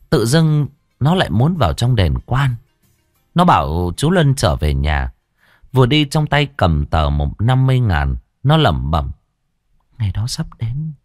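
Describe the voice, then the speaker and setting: A man narrating a spoken story in a measured, expressive way. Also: medium pitch, no room sound, studio quality.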